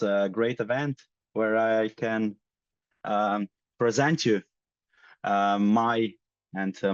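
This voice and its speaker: A man's voice: medium pitch, dry recording, muffled recording. A young man from Slovenia giving a conference presentation as head of a ski demo team, hesitant with many fillers. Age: young adult.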